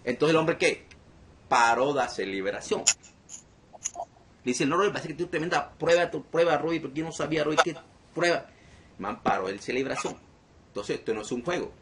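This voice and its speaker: A man's voice: on the high side, lively intonation, fairly quick, pauses often, fairly bright tone, a little hiss or hum. A man preaching as a deliverance minister to an online group, emphatic and repeating phrases again and again.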